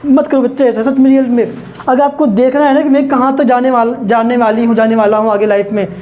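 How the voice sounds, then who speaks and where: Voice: medium pitch, steady tone, a little fast, a little mellow. A woman teaching a basic English lesson to children. She explains patiently, repeats points, quizzes her listeners and keeps calling them "kids", mixing English terms into her speech.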